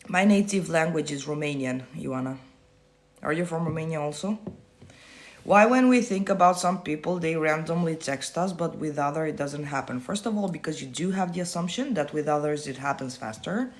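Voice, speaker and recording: Speaking at a moderate pace with lively intonation in a slightly high voice, this manifestation coach responds to comments on his phone livestream. He's blunt and casual, cursing freely and hammering points home through repetition.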